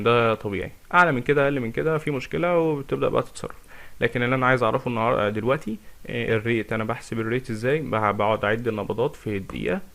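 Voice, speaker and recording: A man's voice: medium pitch, vocal fry, fairly bright tone. A man with an Egyptian Arabic accent giving an informal medical lecture, explaining step by step with rhetorical questions and English medical terms.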